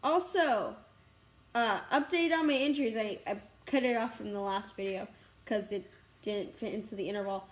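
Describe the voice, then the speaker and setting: A young woman in a casual vlog, rambling excitedly and breathlessly about her school day, recorded outdoors on a school campus. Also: medium pitch, moderate pace. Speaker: vlogger.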